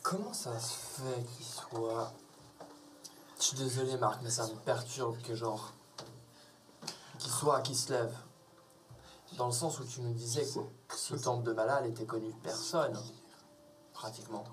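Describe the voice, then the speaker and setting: A man's voice: mid-range voice, steady tone, unhurried, pauses often, recorded from a distance, noisy background. A man player at a tabletop game, speaking hesitantly and apologetically.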